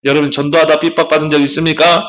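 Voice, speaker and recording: A man's voice: fairly high pitch, flat delivery, rapid-fire, a bit bright. A man preaching a sermon as a pastor, telling his story with passion, his voice rising and falling sharply.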